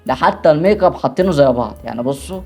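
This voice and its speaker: Egyptian guy doing reaction commentary super fast, joking around, bit of music behind. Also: fairly high pitch, expressive. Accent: Egyptian Arabic. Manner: joking, teasing asides. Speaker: reaction video host.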